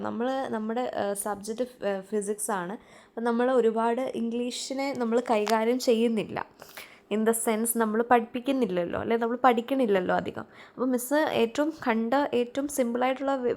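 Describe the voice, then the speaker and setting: A woman's voice: a little high, darkish tone. A woman with a Malayali accent teaching an exam-prep lesson, explaining step by step and often checking in with her listeners.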